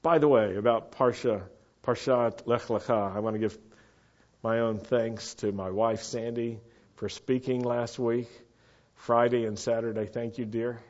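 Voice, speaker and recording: A man delivers a teaching sermon on the Torah portion to a live congregation in a meeting room, at times posing questions to the audience. His medium-pitched voice is steady, unhurried and a little mellow, and the recording is muffled and lo-fi.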